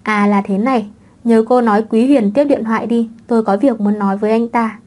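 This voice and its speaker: A woman's voice: on the high side, fairly even intonation, fairly quick, darkish tone, natural voice. A woman voicing a playful, scheming young mother who talks breezily and teases, in an audiobook reading. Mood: breezy.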